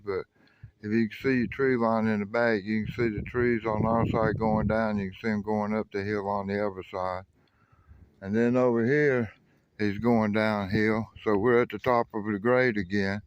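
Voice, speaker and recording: The voice is fairly low and clean, coming from a middle-aged South Carolina railfan vlogger who films by a rural road and railroad. He narrates casually outdoors, folksy and rambling, and regularly corrects himself. There's no echo, though the audio is dull.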